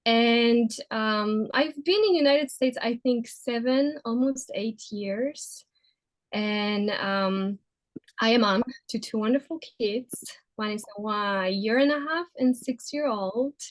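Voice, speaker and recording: A woman in her thirties from Poland with a Polish accent, telling her story as an interview guest with many pauses and fillers. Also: fairly high pitch. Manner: hesitant, many fillers and restarts. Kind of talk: casual interview.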